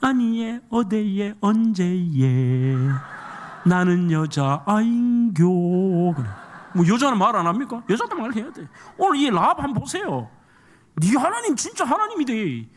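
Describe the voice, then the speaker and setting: A man's voice: very high-pitched, fairly bright tone, husky. A man pastor with a Gyeongsang accent, preaching a humorous, folksy, emphatic sermon in a church. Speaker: guest pastor.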